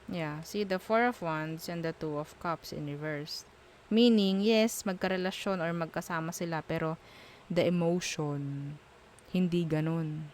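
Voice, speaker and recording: A woman reading tarot cards in a casual, frank way, thinking aloud as she goes. She speaks slowly in a somewhat low voice. Faint background noise sits under her talk. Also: a little mellow. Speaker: tarot reader.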